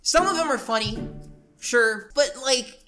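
A man's voice: extremely high pitch, expressive, measured pace, pushed and bright, soft background music. A man in his twenties giving casual, chatty commentary as a reaction video host on a headset mic. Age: 20s.

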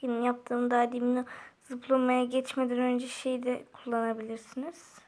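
A young woman giving casual gameplay commentary, often frustrated and muttering to herself to stay calm. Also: a little high, moderate pace. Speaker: gameplay video creator.

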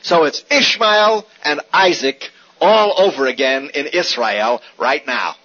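A man's voice: on the high side, takes it slowly. A man teaching Scripture in a sermon, driving points home with rhetorical questions and repetition, on a dull older recording. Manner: animated, rhetorical questions, repeats key points. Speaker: Bible teacher.

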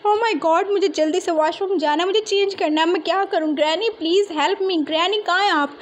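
A woman voicing a fussy, whiny young man who complains and yells in panic. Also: very high voice, normal speed, pitched above the performer's own voice. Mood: panicked.

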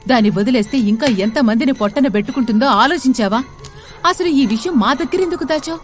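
An outraged village priest, played by a woman in a spoken storybook, firing accusing questions. The voice is high and urgent. Quiet music sits behind. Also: fairly quick, natural voice. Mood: angry. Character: angry male village temple priest.

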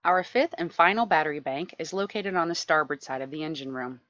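A woman in her thirties, a sailing vlogger, explaining her boat's power setup in a clear, informative tour-guide way from inside a cramped engine room. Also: deep voice, a little fast, a bit bright, lo-fi sound.

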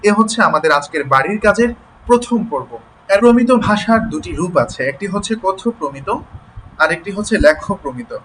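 A man's voice: high-pitched, lively intonation, fairly bright tone, slight background noise, poor audio. A man teaching an online class. He explains patiently, spells words out sound by sound, and keeps checking that his students follow. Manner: explains slowly, checks in with "ঠিক আছে?".

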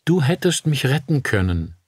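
A man voicing the vengeful ghost of a pale little match girl, speaking in a quiet, cold, accusing way. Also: mid-range voice, very animated, normal speed, husky, dry recording, clean studio sound, pitched above the performer's own voice.

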